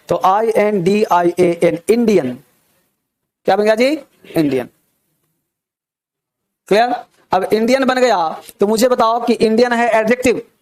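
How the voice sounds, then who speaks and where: A high-pitched male teacher runs a classroom grammar lesson. He keeps stopping to ask whether the class has understood. He slips English example sentences into his explanation. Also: a little mellow. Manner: asks frequent check questions.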